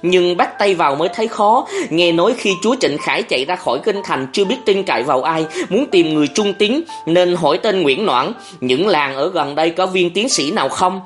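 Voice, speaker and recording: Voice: medium pitch, lively intonation, faint music behind, voice pushed up, lightly acted. A narrator voicing a young male scholar-aide who speaks in bitter, heated outbursts in an audiobook. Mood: indignant. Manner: heated, raised voice, fast outbursts. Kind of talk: audiobook character voice.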